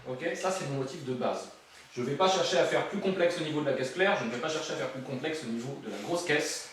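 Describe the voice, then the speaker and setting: Jokey drum teacher in an echoey room. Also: male voice, fairly high pitch, fast talker, recorded from a distance, noisy background. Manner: playful, jokey asides while counting beats aloud. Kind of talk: drum lesson. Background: drums playing.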